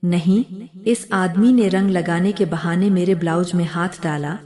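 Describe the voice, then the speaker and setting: A woman voicing a frightened, upset young wife who speaks haltingly in a storybook reading. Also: on the low side, fairly even intonation, mellow, natural voice. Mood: distressed. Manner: halting, distressed.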